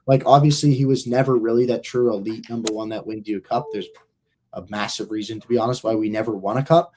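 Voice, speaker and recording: A man's voice: on the low side, fairly even intonation, fast talker, dark tone. A young man hosting a podcast, chatting casually in a rambling, slangy and profane way. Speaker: podcast host. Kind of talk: casual chat.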